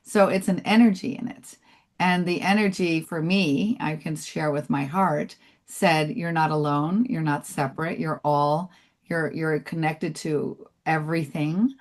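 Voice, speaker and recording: A woman with a notably low voice hosts an interview, asking loose questions full of restarts and "like"s. Her speech is casual and searching. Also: steady tone, a little slow. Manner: rambling questions with many restarts and likes. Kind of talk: conversational interview.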